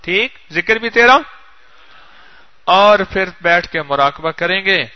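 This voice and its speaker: High-voiced man giving an animated sermon. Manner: animated storytelling, coaxing questions to listeners. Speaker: preacher. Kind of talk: sermon with parables, leading remembrance. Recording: dull dry recording.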